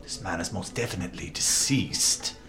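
A male actor with a deep voice plays an aloof, self-assured master detective in a comic murder-mystery audio drama. His delivery is haughty, theatrical and deliberate, dipping into hushed musing, with a composed, commanding mood.

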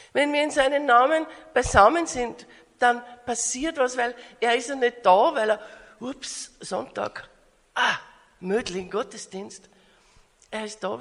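A woman's voice: a little high, creaky. An Austrian woman with an Austrian German accent, preaching a guest sermon in earnest, rising, emphatic tones. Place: church hall. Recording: long church hall reverb.

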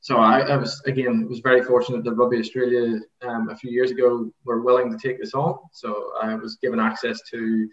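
A man's voice: mid-range voice, a bit bright. Irish guy, middle aged, casual podcast guest explaining stuff, dull echoey room sound. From Ireland. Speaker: podcast guest, rugby coaching researcher. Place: converted garage office. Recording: dull, roomy remote recording.

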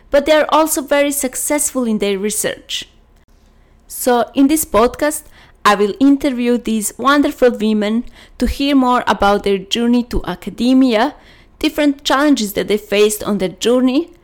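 A young woman from Serbia with a Serbian accent, a native Serbian speaker, reading a scripted podcast introduction as host. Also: fairly high pitch. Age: young adult.

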